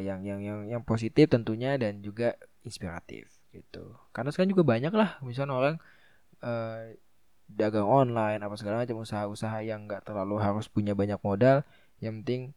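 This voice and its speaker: Young male podcast host, Jakartan accent, lisps his r. Mellow, smooth, close dry sound; informal, rambling delivery. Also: mid-range voice, dry recording. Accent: Jakartan Indonesian. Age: young adult. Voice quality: lisp, trouble saying r. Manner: informal, rambling, repeats phrases. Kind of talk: casual solo advice talk.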